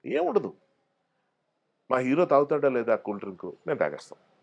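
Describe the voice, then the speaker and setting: Male actor, guest in a casual interview; lively storyteller who acts out the quotes. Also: mid-range voice, normal speed, vocal fry, husky, dull audio. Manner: animated storyteller acting out quoted voices.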